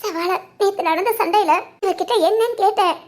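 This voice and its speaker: A tearful young wife in a family cartoon who has been wronged, voiced by a woman. She pleads in a wounded, very high voice. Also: fairly quick, a little mellow. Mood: pleading. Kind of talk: cartoon voice acting.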